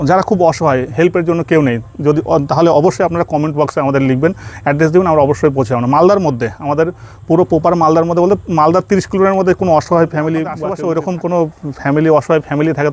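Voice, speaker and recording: A man talks at a rapid clip in a slightly raised voice. He runs a charity vlog and speaks earnestly and reassuringly, circling back over the same points as he appeals to his viewers. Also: fairly high pitch, darkish tone. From Malda, West Bengal. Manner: earnest, reassuring, repeats himself. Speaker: charity vlogger.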